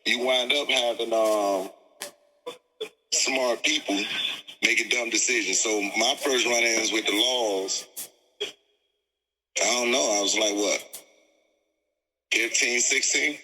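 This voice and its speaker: A man, an interview guest who speaks in a measured, halting way and searches for words. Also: mid-range voice, bright, forceful tone, long reverb tail, a little hiss or hum, rough recording. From Miami, Florida. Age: 40s. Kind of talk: conversational interview.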